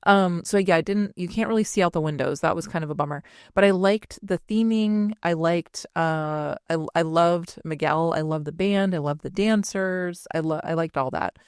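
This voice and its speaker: A woman's voice: fairly low pitch, moderate pace, hardly any pauses, clear, resonant tone, dry recording, studio quality. A woman in her thirties co-hosting a podcast in casual chat, talking chattily with lots of "like". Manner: chatty, peppered with "like". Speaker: podcast co-host.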